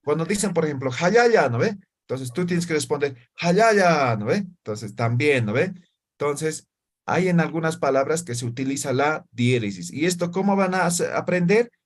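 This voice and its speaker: A man teaching a language class, explaining step by step and checking often that students follow. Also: a little high. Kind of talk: classroom lesson.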